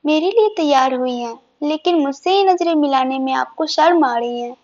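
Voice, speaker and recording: A woman's voice: sits high, animated, normal speed, darkish tone. A woman voicing a loving, teasing young husband who speaks tenderly and coaxingly, in a dull lo-fi recording.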